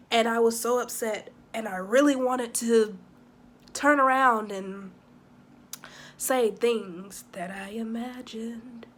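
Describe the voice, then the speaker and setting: A young woman chatting casually to camera in a vlog, talking quickly with lots of fillers and asides. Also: a little high. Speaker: vlogger living abroad.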